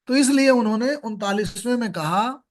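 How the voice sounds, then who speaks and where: A middle-aged man giving a measured spiritual discourse, explaining scripture and reciting Sanskrit verses. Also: very high-pitched. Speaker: Gita speaker.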